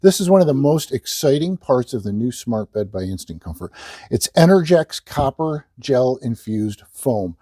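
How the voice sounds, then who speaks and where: Male infomercial presenter: relaxed, mellow tone, hard-sell ad copy delivered with emphasis, very dry recording. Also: medium pitch, moderate pace, no room sound. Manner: hard-sell, emphatic, repeats selling points. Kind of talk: sales pitch, product demonstration.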